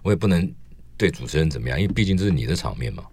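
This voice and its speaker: A man with a Taiwanese Mandarin accent, a food expert guest on a radio show, teasing the host with quick wit and crisp diction. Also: very deep voice, very animated, darkish tone, slight background noise. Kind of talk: casual studio banter. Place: radio studio.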